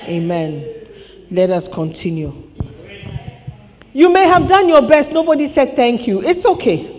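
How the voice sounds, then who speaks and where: A woman preaching a sermon in phrases, pausing for an interpreter, acting out what others say with little exclamations. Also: sits high, slight background noise. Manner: animated, acts out quoted remarks with short exclamations. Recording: dull, reverberant hall sound.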